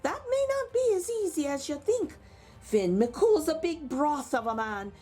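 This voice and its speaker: A sly giant wife voiced by a woman reader with a very high, honeyed, coaxing voice. Her speech swoops up and down like a storybook hostess sweet-talking a guest. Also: very animated, a little slow, mellow. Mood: slyly boasting. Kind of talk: read-aloud children's storybook voice.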